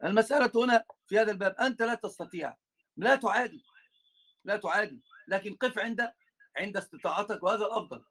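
A man with an Egyptian accent teaching a religious lesson, animated and teasing his students, switching between colloquial and formal Arabic. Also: sits high, fast.

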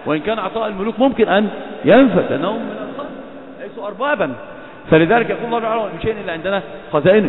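A man preaching a sermon, fast and emphatic, firing rhetorical questions. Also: high-pitched. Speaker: Islamic preacher. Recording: echoey hall, phone-like lo-fi sound.

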